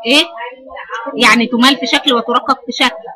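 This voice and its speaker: A quick-speaking Egyptian woman with a high voice leads a recitation class. She keeps firing questions at her students and repeats each key answer back to them. A crowd of chattering voices fills the classroom behind her. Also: steady tone, rough recording. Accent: Egyptian Arabic. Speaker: Quran recitation teacher.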